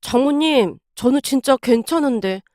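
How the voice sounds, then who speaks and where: Woman voices a meek young husband, quiet and deferential, dry close read. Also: high voice, expressive, moderate pace, dry recording.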